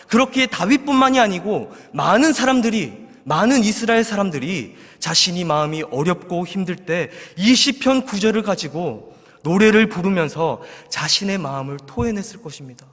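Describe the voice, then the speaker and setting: Impassioned preacher in a reverberant church. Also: male voice, high voice, a bit bright. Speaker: pastor. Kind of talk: evening worship sermon. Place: church sanctuary. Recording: long reverb of a large hall.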